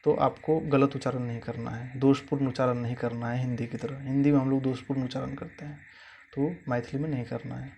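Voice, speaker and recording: A young man with a gravelly, creaky voice teaches a language lesson. He explains each point patiently, says example words slowly and repeats them, often checking in with "okay". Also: medium pitch, flat delivery, darkish tone, slight background noise.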